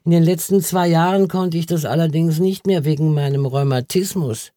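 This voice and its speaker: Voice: mid-range voice, normal speed, mellow, dry recording, natural voice. A reader doing a dry old gardener. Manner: plain, dry, matter-of-fact speech. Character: gruff old male gardener, dry and loyal.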